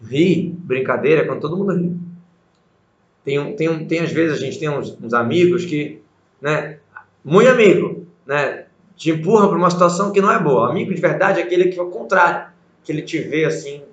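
A man's voice: a little high, animated, brisk. A man giving an informal religious lesson, asking rhetorical questions and acting out little voices. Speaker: religious teacher. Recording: echoey, dull lo-fi sound.

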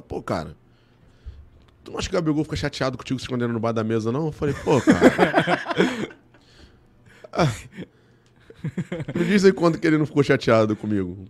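A man with a Brazilian Portuguese accent from Rio, telling anecdotes in slangy, casual chat as an interview guest. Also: mid-range voice. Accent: Brazilian Portuguese, Rio de Janeiro. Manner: slangy, animated storytelling. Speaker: guest, celebrity look-alike and comedy performer.

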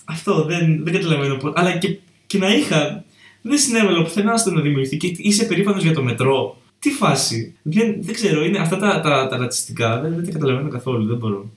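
Young man, podcast co-host, rambling profane storyteller, slightly high voice, echoey distant room sound. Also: lively intonation. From Alexandroupoli, Greece. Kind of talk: casual chat.

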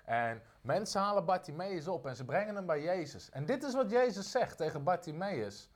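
A man preaching a sermon, emphatic, repeating phrases and slowing down on key lines. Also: high voice, sing-song.

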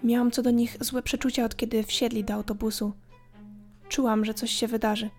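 A woman's voice: fairly high pitch, flat delivery, moderate pace, a little mellow, faint music behind, lightly acted. A woman voicing a frightened elderly woman on a night bus, speaking urgently and confidingly.

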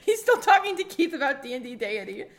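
A woman narrating a tabletop game as game master, animated and often laughing. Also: high voice, quick pace, noisy background.

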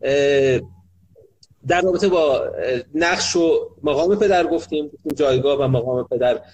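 A man's voice: fairly high pitch, a little mellow, breathy edge. A middle-aged man, a sociologist and family counselor, gives a talk on parenting and often asks rhetorical questions, then answers them himself. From Iran.

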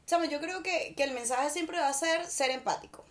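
A woman's voice: sits high, moderate pace, a bit bright. A woman with a Venezuelan accent chatting casually and bluntly as a podcast co-host, swearing for emphasis. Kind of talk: casual chat.

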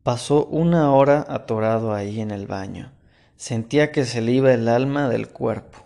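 Calm man telling a story. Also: medium pitch, moderate pace, gravelly. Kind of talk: scripted narration.

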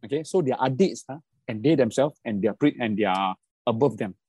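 A man's voice: mid-range voice, lively intonation, brisk, darkish tone, slightly rough, dry recording, clean studio sound. A man with a Singaporean or Malaysian accent chats casually about sport with friends in colloquial slang English, peppered with particles and insistently repeated phrases. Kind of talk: casual football banter among friends.

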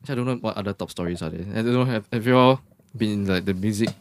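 A Singaporean man with a lowish voice hosts a casual discussion. His phrasing is colloquial Singlish, recorded dry. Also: very fast, dry recording. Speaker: podcast host.

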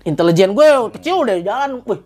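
A woman's voice: medium pitch, lively intonation, brisk, mellow. A woman telling a spooky story as a podcast guest, in slangy casual talk that acts out the voices of the people in it. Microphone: podcast microphone.

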